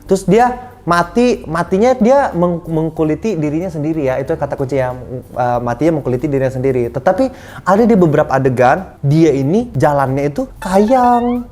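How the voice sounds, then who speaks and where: A woman's voice: deep voice, animated, fairly quick, mellow. A young woman, hosting a casual film review chat in a blunt, mocking way and swearing freely. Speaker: film reviewer, channel host.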